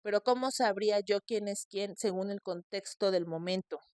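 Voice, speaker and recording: Female podcast host, expressive storyteller, dry booth sound. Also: medium pitch, moderate pace, dry recording. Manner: animated retelling with quoted voices.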